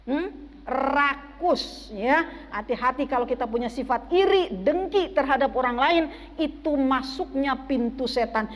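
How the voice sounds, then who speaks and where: A woman's voice: sits high, long reverb tail. A woman preaching a sermon to a women's study group, often asking the audience questions. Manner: asks the audience questions and waits for replies. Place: mosque.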